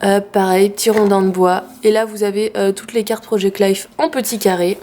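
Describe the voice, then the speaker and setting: Her voice is dark and medium-pitched with a steady tone, and she talks at a moderate pace over slight background noise. In this casual haul video, the French-accented craft vlogger chattily presents the craft supplies she bought, using many fillers.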